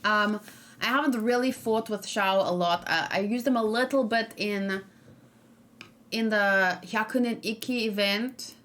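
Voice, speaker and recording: A woman streamer with a medium-pitched, slightly bright voice reacts to a game trailer at a measured pace. Her talk is casual and rambling, full of ums, restarts and self-corrections, with faint music in the background.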